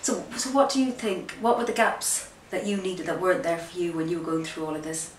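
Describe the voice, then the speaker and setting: Irish lady journalist asking quick questions, low voice, far from the mic in an echoey room. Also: animated. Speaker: journalist interviewer. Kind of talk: interview questions. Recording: distant from the mic in an echoey room, faint noise.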